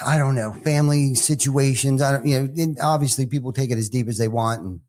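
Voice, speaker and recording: A man hosting a podcast interview, talking in a loose, halting way with many filler words. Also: mid-range voice, a little mellow. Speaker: podcast host. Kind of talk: casual interview chat.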